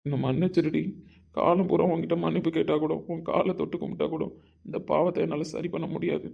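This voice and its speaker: A man's voice: fairly high pitch, little pitch movement, fairly quick, vocal fry, husky, highs cut off, exaggerated voice. A man playing a remorseful young husband who speaks earnestly and apologetically in an amateur audio drama. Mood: remorseful, tender.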